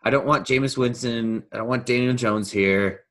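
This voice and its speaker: A male podcast co-host talks sports in a casual tone, thinking out loud as he weighs his choices. His voice sits at an ordinary pitch for a man. He speaks in an unhurried, deliberate way.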